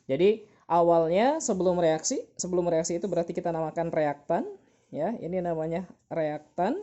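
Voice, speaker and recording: A woman's voice: fairly low pitch, moderate pace, dark tone, lo-fi sound. A woman teacher giving an online chemistry lesson, patient and repeating key terms with many fillers.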